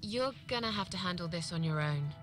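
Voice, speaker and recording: An actress voicing a withdrawn, reluctant middle-aged woman, quiet and mumbling. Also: on the low side, expressive, fairly quick, natural voice, low-quality recording. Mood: irritated. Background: game music.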